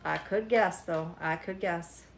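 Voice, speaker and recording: Speaking unhurriedly in a low voice with vocal fry, a weary woman in her forties reads tarot live, casually chatting, teasing viewers and often breaking into laughter. There's reverb and background noise in the recording.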